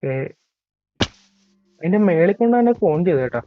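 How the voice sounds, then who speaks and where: Playing a horror game, a young Malayali-accented man who makes gaming videos for YouTube chats casually and mocks himself for being easily frightened. His pitch swings widely at a moderate pace. The tinny, low-grade mic picks up slight background noise.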